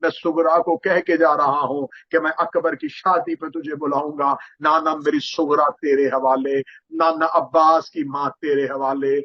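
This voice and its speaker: A man's voice: a little high, level tone, a little slow, dry recording. A man voicing a weeping grandson pleading at a tomb. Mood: pleading grief. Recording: dull lo-fi, dry sound.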